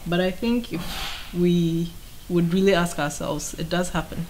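Interviewee: Ghanaian-accented woman, lowish voice, conversational and reflective, faint noise behind. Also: level tone, unhurried, darkish tone, poor audio. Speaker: writer being interviewed. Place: indoors on a sofa by shelves of mugs.

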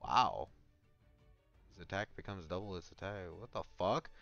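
A young man chatting excitedly with a friend while gaming, swearing often and laughing. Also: low-pitched, normal speed, gravelly, dry recording. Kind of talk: casual gaming chat. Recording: muffled lo-fi voice chat with faint music.

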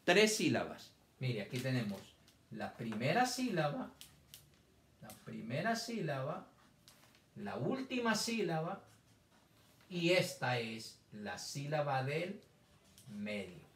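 Patient male primary teacher, slow delivery, very lively pitch, stretches words syllable by syllable. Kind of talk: children's reading lesson. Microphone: camera on a stand.

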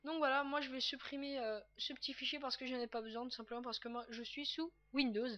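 A woman's voice: high voice, fairly even intonation, fast, a bit bright. A young woman narrating a casual screen-recorded game tutorial, chatty and loose with lots of fillers. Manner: chatty and loose, with many "donc, euh" fillers and repeated "tout simplement". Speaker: tutorial maker.

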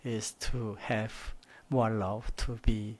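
A middle-aged man with a Korean accent, a native Korean speaker giving an informal, reflective presentation in halting English at a desk microphone. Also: fairly low pitch, flat delivery, a little mellow. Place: studio desk with a virtual set. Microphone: desk gooseneck microphone.

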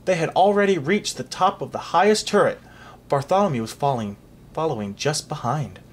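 A reader narrating a storybook aloud for a child in an expressive, animated way. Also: mid-range voice, moderate pace.

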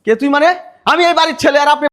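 Brief: young actor as a spoiled, demanding younger brother; fast, whiny. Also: male voice, very high-pitched, a bit bright. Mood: rude. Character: lazy spoiled younger brother, hungry and rude. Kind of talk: village family drama acting.

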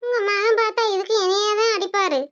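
Voice artist doing a meek cartoon daughter-in-law, young, pleading, placating, very high voice, dull audio. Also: fairly even intonation, fast, fairly bright tone. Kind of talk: Tamil cartoon dubbing.

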